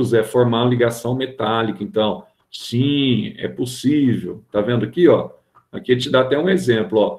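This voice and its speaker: A man's voice: on the high side, a little mellow, reverberant. A man from Brazil giving a chemistry lesson, asking and answering his own questions and checking in with frequent tag questions. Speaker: chemistry teacher. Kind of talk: classroom lecture.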